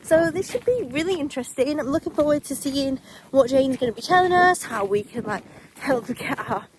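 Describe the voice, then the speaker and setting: A young woman with a high voice and a slight hiss or hum chats casually while vlogging at horse stables. Her narration is upbeat and rambling, full of fillers.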